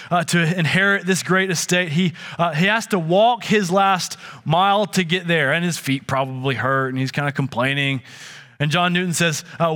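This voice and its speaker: A man's voice: high-pitched, a bit bright. A man preaching a sermon, earnest and conversational, often restarting his phrases. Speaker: pastor. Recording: long hall reverb.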